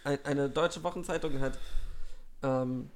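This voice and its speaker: Ein Mann als Co-Moderator eines Podcasts, der mit trockenen, absurden Sprüchen locker plaudert. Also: male voice, medium pitch, unhurried. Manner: deadpan quips, absurd jokes. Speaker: podcast co-host. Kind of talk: casual comedic chat.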